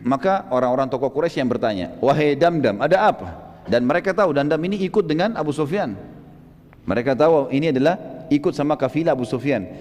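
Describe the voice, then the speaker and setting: A male preacher tells a story in a lively, animated way, checking in with his listeners through frequent tag questions. His voice sits fairly high, and it rings out with a long reverb, as if he is in a large hall. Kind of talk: Islamic history sermon.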